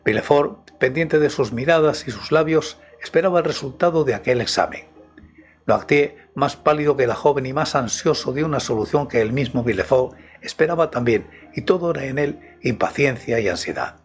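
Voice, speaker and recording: A man narrating a classic novel as an audiobook. His reading is steady and even, with scripted literary pacing from line to line. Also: medium pitch, moderate pace.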